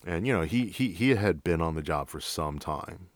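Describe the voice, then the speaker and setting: New york cop hosting his podcast, low voice, blunt and swears a lot, dry sound. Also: expressive, normal speed, dry recording. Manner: blunt, profane and direct. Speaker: podcast host and police officer. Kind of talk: casual storytelling.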